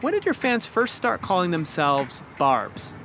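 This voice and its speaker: A man asking quick, upbeat rapid-fire questions as an interviewer. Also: sits high, wildly swooping pitch, bright, forceful tone, slight background noise.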